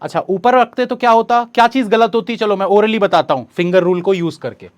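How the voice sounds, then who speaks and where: A man, teaching an exam coaching lesson step by step and reading the questions slowly aloud. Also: high-pitched.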